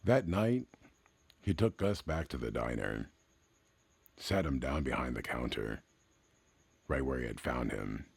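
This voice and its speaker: A man with an extremely low, very deep, gravelly, husky voice narrates a story in slow, measured phrases, like classic radio drama. His scripted delivery is somber, cinematic and expressive, rising and falling widely between dramatic pauses. The recording is close and dry.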